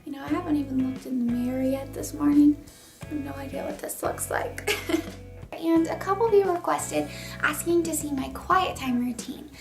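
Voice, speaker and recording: A woman's voice: sits high, normal speed, creaky, music in the background. Groggy-voiced young woman vlogging. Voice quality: groggy morning voice. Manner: chatty, laughs between thoughts. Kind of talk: casual morning vlog.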